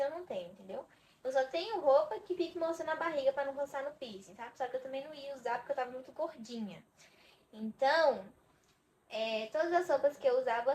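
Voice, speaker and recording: A young Brazilian woman vlogs to camera in a chatty, dramatic way, swearing to her viewers that every word is true. Her voice sits fairly high. A faint background hiss runs under the recording. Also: fast, darkish tone, rough recording. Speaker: vlogger. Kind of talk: casual chat to camera.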